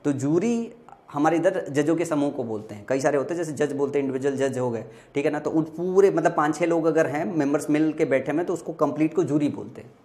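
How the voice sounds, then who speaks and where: A man's voice: a little high, fast talker, darkish tone. A young man teaching an exam-prep vocabulary lesson, explaining patiently and asking and answering his own questions. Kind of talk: exam-prep lesson, Hindi mixed with English.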